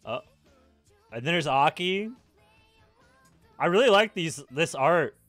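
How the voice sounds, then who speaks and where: A young man casually reacting to and discussing an anime episode at home, laughing often and breaking into loud exclamations. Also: fairly high pitch, expressive, slow, no echo, soft background music. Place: home room with a red-walled display shelf, indoors.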